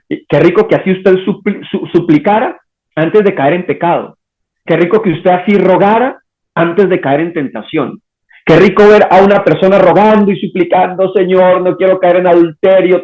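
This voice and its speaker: A man's voice: a little high, a little mellow. A man teaching the Bible in sermon style, pressing the listener with emphatic rhetorical questions. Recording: dull lo-fi recording.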